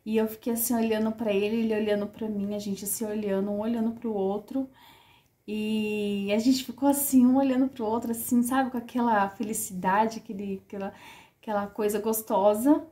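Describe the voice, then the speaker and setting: A woman's voice: medium pitch, flat delivery, moderate pace, mellow. A woman casually telling the story of her child's birth, heartfelt and repetitive, full of fillers.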